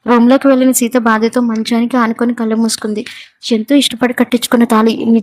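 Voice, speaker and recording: A woman storyteller reading a story in a steady, even way. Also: on the high side, fast talker. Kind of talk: story narration.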